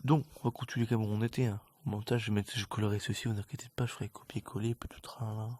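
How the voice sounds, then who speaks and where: A man's voice: on the low side, flat delivery, fast, a little mellow, dry recording. A man doing casual, rambling gameplay commentary for his viewers, playfully mock-exasperated as he talks half to himself. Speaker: gaming video creator.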